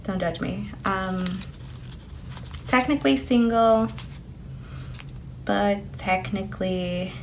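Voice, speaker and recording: A planner vlogger whose first language is Spanish chats and rambles casually with many fillers while decorating her planner. Her voice is medium in pitch, slow and often paused, with steady background noise and the crinkle of stickers and paper.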